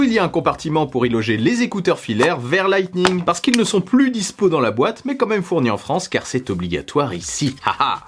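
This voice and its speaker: A man's voice: fairly high pitch, breathy edge. A man hosting a tech unboxing vlog, talking in a playful way with jokey asides. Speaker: tech YouTuber.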